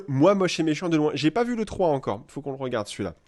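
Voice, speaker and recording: Brief: French male host of a live chat, playful, chatty, a touch higher voice. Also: moderate pace. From France. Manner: lively, playful, laughs often. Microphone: live video call.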